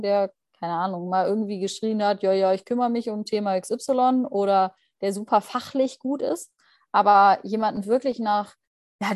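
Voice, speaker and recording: A woman's voice: fairly high pitch, darkish tone, dry recording, clean studio sound. A young woman, a junior doctor being interviewed, answering thoughtfully with many fillers and restarts. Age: young adult. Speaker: guest, junior anesthesia doctor.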